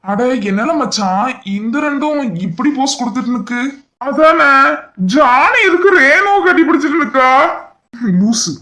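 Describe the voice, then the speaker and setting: A woman voicing a rowdy young male college friend in a cartoon, bantering loudly and mockingly. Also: on the high side, normal speed, natural voice.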